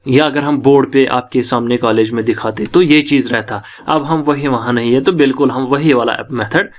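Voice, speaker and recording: A man with a Kashmiri accent teaching an English lecture in Hindi, reading English passages slowly and then explaining them. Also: mid-range voice.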